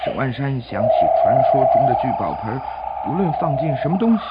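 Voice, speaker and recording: Lively man telling stories to small children. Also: medium pitch, fairly quick, heavy background noise. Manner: expressive, simple explaining addressed to small children. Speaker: children's storyteller. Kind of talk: scripted storytelling narration for children. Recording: dull lo-fi recording with music behind.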